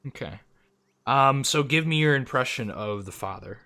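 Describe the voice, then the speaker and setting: Guy game master, bright forceful voice, narrating a tabletop game and asking what players do. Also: mid-range voice, animated, normal speed, creaky.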